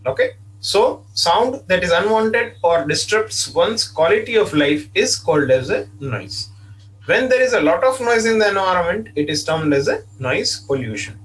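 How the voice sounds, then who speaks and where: A man lectures online about engineering, explaining patiently, repeating himself, and saying "okay" often. His voice is high-pitched, expressive, and a bit bright at a moderate pace, picked up by a distant mic.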